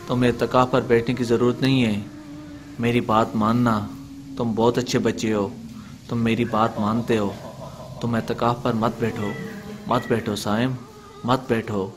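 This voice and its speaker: A man's voice: mid-range voice, a bit bright, slight background noise. A man playing a male devil who keeps coaxing a boy, repeating his name over and over in a wheedling way.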